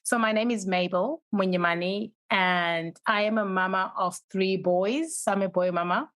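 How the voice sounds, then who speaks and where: A woman in her forties from Zimbabwe, a podcast guest telling stories in a chatty way, often laughing and animated. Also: medium pitch, moderate pace, dry recording, rough recording. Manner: laughing, storytelling, animated when quoting. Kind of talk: casual interview chat.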